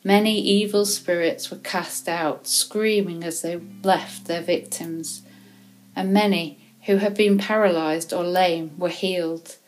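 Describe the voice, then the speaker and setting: A woman reading a Bible chapter aloud in a measured, even way, now and then correcting a word. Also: fairly low pitch, poor audio. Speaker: scripture reader.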